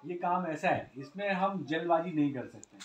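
A young man from Uttar Pradesh with a Hindi accent speaks at normal speed in a fairly high voice, politely and at length showing the sofas in his cluttered indoor workshop. He talks casually to the camera as a sofa maker showing his work. The audio is very noisy and the high frequencies are cut off.

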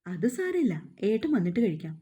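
Narrator voicing shy young wife, hesitant storybook reading, dark mellow tone. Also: female voice, mid-range voice, big pitch swings, brisk, lightly acted. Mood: gentle. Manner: hesitant, stammering. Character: timid young wife, frightened and tearful.

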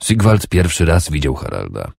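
Deep gravelly man reading a novel. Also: sing-song, moderate pace, a little mellow, no echo, clean studio sound. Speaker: narrator. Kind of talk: audiobook narration.

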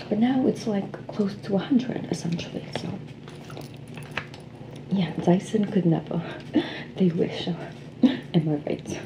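In a whispered role-play, a woman plays a pushy, flattering salon sales associate with a New Jersey accent, chewing gum as she talks. Her voice is on the low side with the highs cut off, and the background is clearly noisy.

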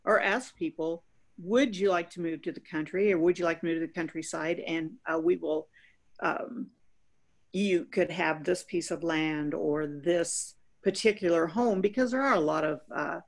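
An older woman speaks as a farmer on a webinar panel, earnest and unhurried, often restarting her sentences. Her voice is lowish and gravelly. She talks into a laptop webcam on a video call from home. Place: home room by a bright window.

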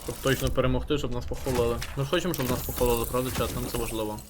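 A man streaming a role-playing game, chatting fast and excitably with his chat, swearing and reading game text aloud. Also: medium pitch, background noise. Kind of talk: casual game stream commentary.

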